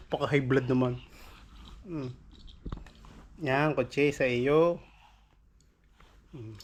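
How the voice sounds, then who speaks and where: A man's voice: medium pitch, drawn-out words, long pauses, slight background noise. A father, chatting in playful baby talk with his toddler at home late at night, coaxing and teasing and repeating the same questions. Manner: coaxing and teasing, asks the same question again and again with soft laughs. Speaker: father and vlogger.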